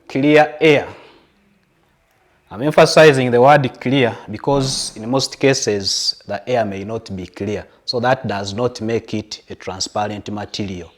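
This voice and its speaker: A man's voice: mid-range voice, takes it slowly. A man with a Ugandan English accent teaching a science lesson to pupils at home, explaining patiently with everyday examples. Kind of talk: televised classroom lesson.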